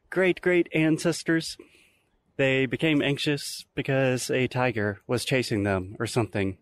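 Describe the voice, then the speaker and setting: A man's voice: mid-range voice, dry recording. Man podcasting outdoors, dry close sound. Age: early 30s. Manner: explanatory, conversational. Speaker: podcast host. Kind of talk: casual podcast talk. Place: outdoors in nature, recorded while walking.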